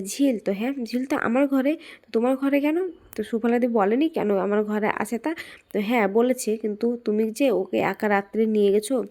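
Woman narrator, dark mellow tone, casual serial recap voicing each character's lines. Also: medium pitch. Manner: quotes each character in turn, switching between narration and dialogue. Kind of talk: casual retelling of a TV serial episode.

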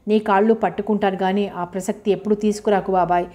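A woman's voice: mid-range voice, level tone, fast talker, warm tone, natural voice. A woman voicing a proud, bitter young widow, speaking sharply in a storybook reading.

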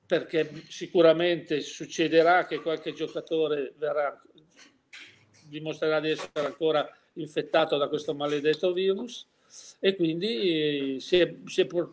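A man's voice: on the high side, steady tone, unhurried, a little hiss or hum. An older man giving an interview, opinionated and full of rhetorical questions, often restarting his sentences. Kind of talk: casual interview.

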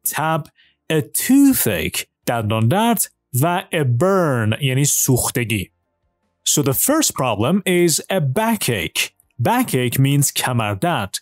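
A male English teacher giving a lesson, explaining quickly in Persian and reading English examples slowly and carefully. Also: fairly high pitch, no echo, clean studio sound. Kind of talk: language lesson, switching between Persian and slow English.

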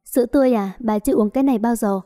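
A grumpy old grandmother who nags and scolds her granddaughter in sharp bursts, put on by a woman reading a story. The voice sits fairly high yet sounds mellow and soft in tone. It is a storybook reading of a cantankerous elderly woman. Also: racing, close to an everyday voice. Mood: grumbling.

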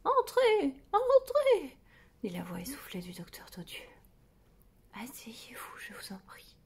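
A woman voicing a plump, greedy, jolly male doctor who is out of breath, in a whispered role-play storybook reading, hushed and knowing. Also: very high voice, huge pitch swings, unhurried, background noise, pitched above the performer's own voice, heavily acted. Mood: breathless.

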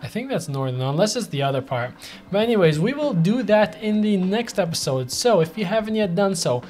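A man giving casual gameplay commentary, excitable and chatty with the characters in his game. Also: high-pitched, a little fast, faint music behind. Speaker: gaming YouTuber.

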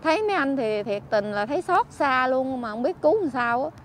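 A woman with a Southern Vietnamese accent, a vlogger chatting on the street who fusses, scolds and keeps exclaiming out loud. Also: high voice, lively intonation, brisk, slight background noise. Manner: scolding and fussing, exclaims often. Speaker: vlogger helping homeless people. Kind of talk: casual on-street chat. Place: outdoors by a street.

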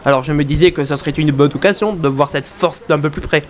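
A man's voice: on the high side, steady tone, quick pace, close to an everyday voice. A man reading aloud the lines of an eager young hero who wants a sparring match. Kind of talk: reading game dialogue aloud.

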